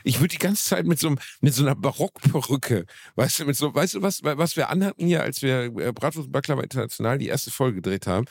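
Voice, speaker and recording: A man's voice: medium pitch, lively intonation, fast, gravelly, hardly any pauses, no echo. A man co-hosting a podcast, chatting casually and making dry teasing remarks. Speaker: podcast co-host. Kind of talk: casual chat.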